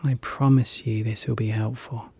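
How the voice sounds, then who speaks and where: In a husky, mid-range whisper that is soft and soothing, a relaxation guide takes listeners through guided hypnosis at normal speed. Gentle calming phrases come back again and again.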